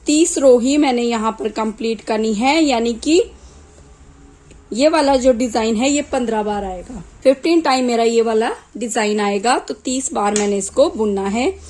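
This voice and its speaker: A woman with a sore throat teaching knitting step by step, calmly counting stitches aloud one at a time. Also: fairly high pitch, normal speed, poor audio. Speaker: knitting tutor. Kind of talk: slow step-by-step craft tutorial.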